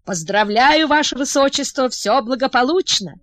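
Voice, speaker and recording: A woman reading the part of a calm, self-assured male field marshal who speaks matter-of-factly. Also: high-pitched, moderate pace, no room sound.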